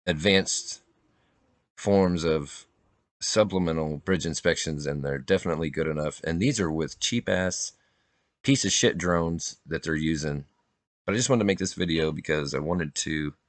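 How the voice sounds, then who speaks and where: A man's voice: very deep voice, dry recording. A man talking casually and informally in an earnest, rambling way. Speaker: individual drone operator and video maker.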